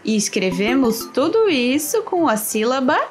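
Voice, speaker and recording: Female teacher for a kids' lesson: unhurried, carefully sounded-out words, bouncy pitch, light music underneath. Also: sing-song. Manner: slow, clearly spelled-out words with long pauses. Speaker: children's teacher. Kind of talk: slow syllable lesson for children. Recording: faint music behind. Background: soft background music.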